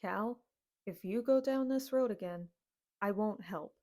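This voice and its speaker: A woman's voice: mid-range voice, unhurried, dark tone, lightly acted. A woman voicing a fatherly older male alien saloon owner who fusses and scolds, calling the others kid. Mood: scolding.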